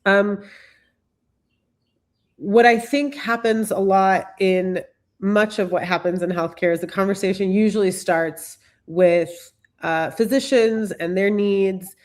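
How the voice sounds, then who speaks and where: A woman's voice: mid-range voice, fairly even intonation, takes it slowly. A woman who is a bit sick and congested, giving a presentation as a guest expert, with many fillers and restarts. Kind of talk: presentation talk.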